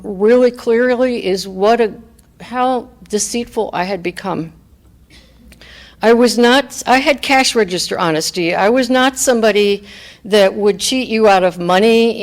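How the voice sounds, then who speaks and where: A woman speaking candidly and reflectively, in a conversational way, as she gives a personal recovery talk to a group. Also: medium pitch. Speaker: speaker at a recovery fellowship meeting.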